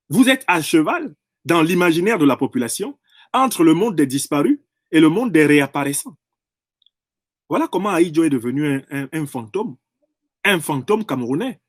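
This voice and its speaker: A political commentator delivers an impassioned monologue in French, his high male voice ringing clean in a studio with no echo. He is emphatic and professorial, repeating and rephrasing phrases to drive each point home.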